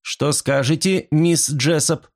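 A man's voice: a little high, slow pace, voice pushed up. A man voicing a stern male detective who speaks in clipped, emphatic sentences in an audiobook.

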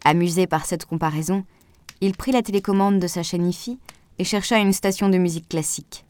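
A woman reading a novel aloud as an audiobook narrator, with an even, measured delivery. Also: lowish voice, no room sound. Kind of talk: scripted narration.

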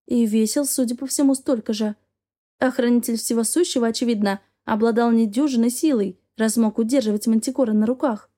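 Mellow-voiced woman narrating an audiobook. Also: a little high. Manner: measured, expressive reading. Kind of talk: first-person fantasy audiobook narration.

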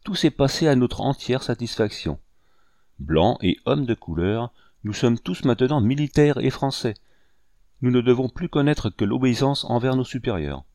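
A man's voice: medium pitch, lively intonation, moderate pace, darkish tone, dry recording, clean studio sound, voice pushed up, lightly acted. A man reading an audiobook, voicing a young officer who speaks frankly and severely. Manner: severe, disdainful.

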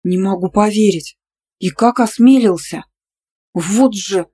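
A woman's voice: medium pitch, normal speed, darkish tone, slight background noise, pitched above the performer's own voice, close to an everyday voice. A woman doing a dreamy, teasing student girlfriend. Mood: eager. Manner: teasing, playful. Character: young female student, dreamy teasing best friend.

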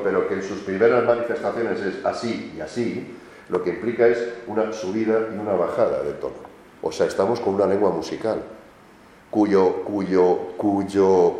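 A man's voice: lowish voice, a little mellow. A man from giving a classroom lecture, explaining step by step and often checking in with his students. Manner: explanatory, with frequent questioning tags to students. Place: lecture room with an audience. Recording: roomy echo of a lecture room.

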